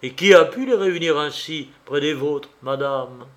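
A man's voice: on the high side, moderate pace, lightly acted. A man voicing an agitated young army captain in an audiobook, pressing his questions with urgency. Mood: astonished. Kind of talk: audiobook character voice.

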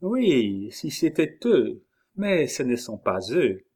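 A man voicing a shrewd, scornful old queen mother who speaks cuttingly and rises into high, sharp exclamations, in a dramatized audiobook reading. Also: sing-song, takes it slowly. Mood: cold.

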